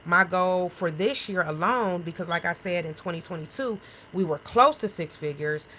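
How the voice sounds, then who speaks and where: A woman in her forties with a fairly low voice and a forceful, bright edge. She talks to camera as a small business owner, emphatic and frank, pressing each point home. A faint hum of noise sits behind her. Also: normal speed, rough recording. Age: 40s. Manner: emphatic, keeps checking in with "okay?" and "right?"; frank and encouraging, talks straight to the viewer. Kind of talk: casual talk to camera.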